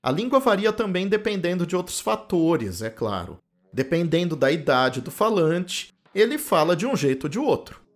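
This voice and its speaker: Lively Campinas-accented man lecturing. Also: high-pitched, moderate pace. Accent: Campinas interior São Paulo, retroflex caipira R. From Campinas, interior of São Paulo state, Brazil. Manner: animated and explanatory, often adds "né?" tags. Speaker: linguistics professor and podcast host. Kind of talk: explanatory podcast lecture. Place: home office.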